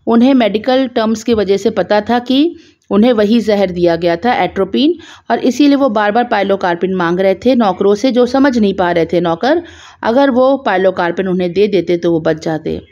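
A woman retells a detective story in a relaxed, conversational way, adding small explanatory asides as she goes. Her voice sits at an ordinary middle pitch. The recording is a little dull and lo-fi. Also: normal speed.

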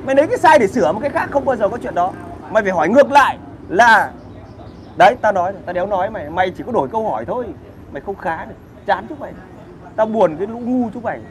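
A man's voice: sits high, lively intonation, rapid-fire. A man, hosting a casual livestream where he rants crudely and combatively while answering comments.

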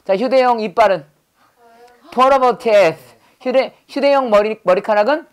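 A man's voice: extremely high pitch, a little slow, smooth. Man drilling English words in class. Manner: drills words, asks quiz questions, corrects pronunciation. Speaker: pastor teaching English vocabulary. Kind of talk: classroom lesson with call-and-response drills.

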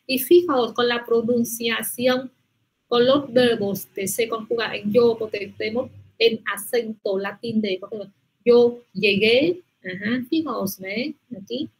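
A woman's voice: on the high side, a little slow, husky, low-quality recording. A woman teaching a language class, patiently praising students and checking with them often. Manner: patient, repeats "muy bien" and "¿vale?" often. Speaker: Spanish teacher.

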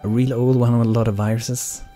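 Man doing casual game streaming, mellow tone. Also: medium pitch, little pitch movement, fairly quick, faint music behind. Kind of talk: casual live gameplay commentary.

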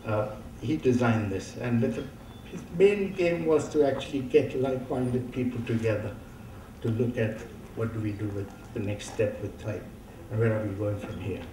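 A man, giving a conference keynote in a halting, reminiscing way with many fillers. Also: medium pitch, warm tone, a little hiss or hum. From India. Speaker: keynote speaker. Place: large dark auditorium stage. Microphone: lectern microphone, heard from far off. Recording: roomy hall sound from a distant camera.

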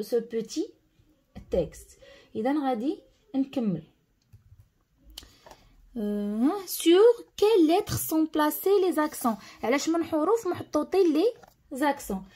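A teacher with a warm, medium-pitched voice and a Moroccan accent explains a French lesson to schoolchildren. She speaks Arabic mixed with French terms and keeps checking whether the class has understood.

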